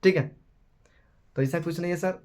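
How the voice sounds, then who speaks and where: High-voiced Bihari maths teacher. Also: male voice, moderate pace, a little mellow. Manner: chatty, scolding, calls students beta. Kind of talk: casual Hindi live class.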